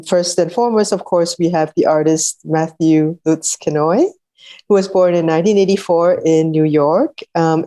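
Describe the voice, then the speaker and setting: A woman's voice: on the low side, dark tone. A woman moderating a poetry reading, introducing the guests in a fluent, formal way with small hesitations. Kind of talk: introductory speech.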